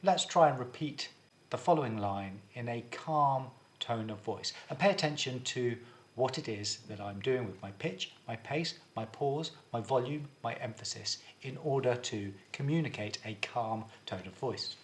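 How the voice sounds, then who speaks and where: A male drama teacher giving a video lesson, explaining things clearly and guiding students step by step. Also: mid-range voice, animated, normal speed, a little hiss or hum.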